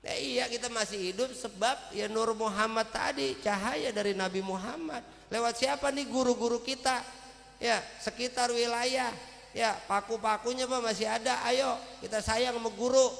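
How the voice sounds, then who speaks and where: High, bright Betawi preacher in a hall. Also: male voice, steady tone, moderate pace, gravelly. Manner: joking, folksy, addresses the crowd directly. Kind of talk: humorous sermon. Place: prayer hall. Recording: echoey hall reverb.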